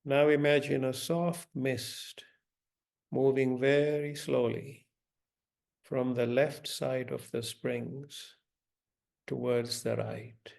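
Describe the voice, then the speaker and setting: Speaking gently and deliberately, a man guides a meditation, giving instructions separated by long pauses. His mid-range voice holds a steady tone with some vocal fry.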